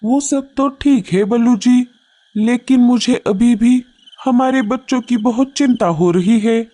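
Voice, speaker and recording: A woman voicing a caring, protective mother bird in a cartoon, speaking softly and soothingly. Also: a little high, a little slow, no room sound, voice pushed up. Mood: worried.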